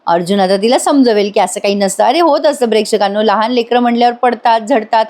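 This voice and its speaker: A woman's voice: fairly high pitch, quick pace, a little mellow. A woman giving a chatty voice-over recap of a TV serial, talking straight to her viewers. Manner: chatty, addresses viewers directly. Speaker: TV serial reviewer.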